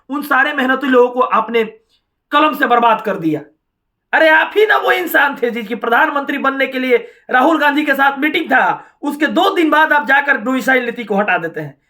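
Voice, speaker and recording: A man's voice: extremely high pitch, sharp tone. A man giving combative, taunting political commentary, firing questions at officials.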